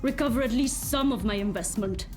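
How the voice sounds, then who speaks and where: A woman's voice: on the high side, fairly quick, faint music behind, close to an everyday voice. A woman playing a caustic, scornful, sarcastic workshop boss in a video game. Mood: scornful, exasperated. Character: foul-mouthed, scornful female boss of a robot workshop. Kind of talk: video game character acting.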